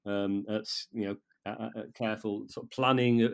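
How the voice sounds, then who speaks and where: Guesting on a casual interview, this man from North Wales, in his fifties and with a North Welsh accent, keeps repeating words and starting his sentences over. His voice is on the low side, smooth and steady in tone.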